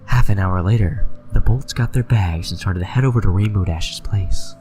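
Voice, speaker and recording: A man with a deep voice reads his own fan story aloud, tripping over a phrase now and then. Faint music plays underneath. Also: moderate pace. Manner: stumbling, flat reading. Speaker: fanfic reader. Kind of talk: casual reading of his own fanfic.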